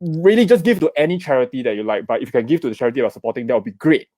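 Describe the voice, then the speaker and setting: Rapid-fire and animated, a middle-aged Singaporean-accented man delivers an investment talk in a live online seminar, his medium-pitched voice darkish in tone. He keeps checking in with "okay?" and "right?" and urges people to type comments. No echo is present.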